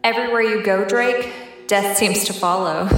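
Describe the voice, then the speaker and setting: A woman's voice: mid-range voice, fairly bright tone. A woman playing the taunting ghost of a dead wife in an audio drama, mocking and menacing, under heavy ghostly reverb. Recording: very echoey long reverb.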